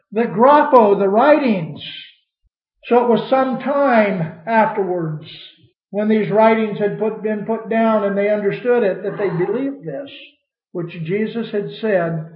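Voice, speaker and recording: A man's voice: sits high, slow. A man teaching a Bible study class, quoting scripture and putting questions to the listeners in a preacherly way. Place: church room with a class. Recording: dull, echoey room recording.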